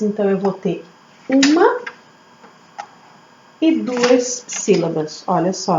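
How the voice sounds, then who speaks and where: A woman teacher, slowly sounding out words syllable by syllable for young children. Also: medium pitch. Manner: slow, syllable-by-syllable, lively teacher questions. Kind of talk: early literacy lesson for children. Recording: echoey room, slightly dull audio, faint hum.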